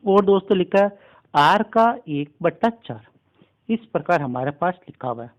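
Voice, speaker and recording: A man talks through exam maths problems in a steady, step-by-step way. His voice sits a touch higher than most men's, and he keeps the tone of a patient tutor. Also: highs cut off. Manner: steady step-by-step explaining, keeps addressing listeners as friends. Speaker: maths teacher. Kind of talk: exam-prep maths lesson.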